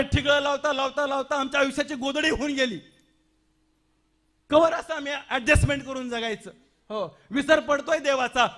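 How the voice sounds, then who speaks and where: A man's voice: very high voice, a bit bright. A man preaching a devotional kirtan sermon with a Marathi accent, dramatic and full of rhetorical questions and repetitions.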